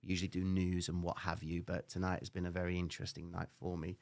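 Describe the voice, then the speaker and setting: A gravelly-voiced man with a Cypriot accent talks at a quick pace on his live trading stream, responding to comments in the chat. He addresses viewers casually, with plenty of "all right?" tags and some swearing. His style lurches between loud, animated lecturing and hushed muttering.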